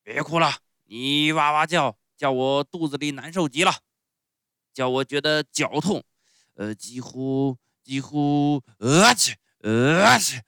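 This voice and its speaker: A man voicing a gruff, bearded puppet-show master who blusters loudly but has a soft heart and keeps sneezing. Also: sing-song, a little slow, no echo, clean studio sound, heavily acted. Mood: blustering. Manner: loud booming scolding with stuttering sneezes.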